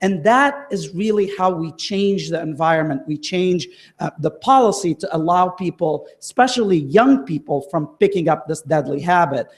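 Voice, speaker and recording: A man's voice: on the high side, expressive, moderate pace. Man, hesitant. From Lebanon. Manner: hesitant, frequent ums and uhs. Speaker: conference speaker. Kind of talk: conference closing talk.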